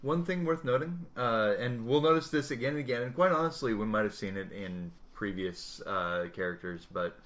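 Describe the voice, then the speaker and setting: A man's voice: medium pitch, lively intonation, moderate pace, hardly any pauses, fairly bright tone. A man co-hosting a podcast, adding thoughtful comments on comics in a casual, somewhat hesitant way. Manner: thoughtful, hesitant, with fillers and restarts. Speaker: podcast co-host.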